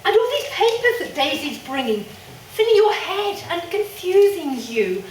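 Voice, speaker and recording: Actress playing a worried sister, stage play, high lively voice, coaxing tone. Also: female voice, moderate pace, a little hiss or hum. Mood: concerned. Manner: anxious, coaxing, proper. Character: worried conventional sister Madeline, fussing. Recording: echoey stage sound from a distance.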